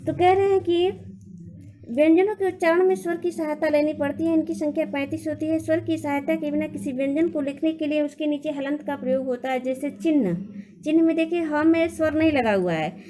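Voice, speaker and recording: A woman with a high voice teaches a grammar lesson to young pupils. She talks patiently, repeats each point and puts questions to the class. A faint hiss of noise sits under the recording. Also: fairly quick, dark tone. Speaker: Hindi teacher.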